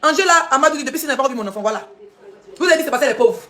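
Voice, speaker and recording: A woman's voice: high voice, lively intonation, rapid-fire, bright, forceful tone. A woman livestreaming a heated rant, mocking and combative, with frequent laughs and pointed rhetorical questions. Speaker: social media live streamer. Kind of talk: heated live-stream rant. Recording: echoey room.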